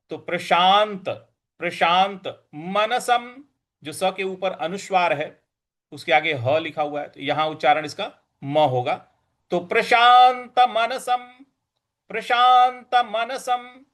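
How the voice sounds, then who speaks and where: A man teaching Sanskrit pronunciation of a Gita verse, explaining each sound step by step and then chanting the lines slowly. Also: on the high side, fairly bright tone. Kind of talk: Sanskrit pronunciation lesson with slow chanted recitation.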